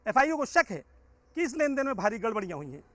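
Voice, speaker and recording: Man doing a news voice-over, really high and bright, lots of swing in the voice. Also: very animated, fast, background noise. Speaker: news reporter.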